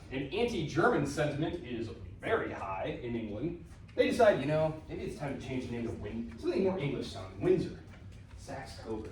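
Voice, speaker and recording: A man's voice: on the high side, darkish tone, slight background noise. A man giving a casual classroom lecture on history, chatty and informal, full of fillers and asides. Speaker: history instructor. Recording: very echoey room recorded from a distance.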